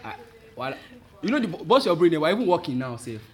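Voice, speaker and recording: A Nigerian man hosting a casual podcast, speaking slangy English mixed with Pidgin and often repeating his phrases excitedly. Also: a little high, fast, a crowd in the background. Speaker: podcast host.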